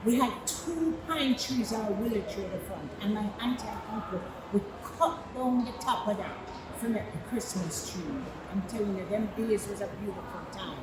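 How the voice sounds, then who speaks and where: A woman's voice: medium pitch, normal speed, recorded from a distance, very noisy. Cheerful Jamaican-raised woman, echoey room. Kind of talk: holiday greeting and memory.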